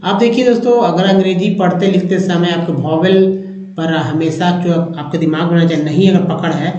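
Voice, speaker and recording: High-voiced man teaching in an echoey room. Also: mellow, muffled recording. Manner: explains step by step, repeats sounds slowly, addresses viewers as friends. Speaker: English teacher. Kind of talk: spoken English pronunciation lesson.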